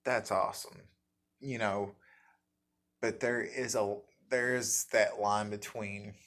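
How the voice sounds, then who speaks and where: A man with an Appalachian accent chatting casually in a folksy, halting, self-deprecating way, as the host of a guitar vlog. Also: lowish voice, fairly even intonation, fairly bright tone. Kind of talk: casual rambling chat.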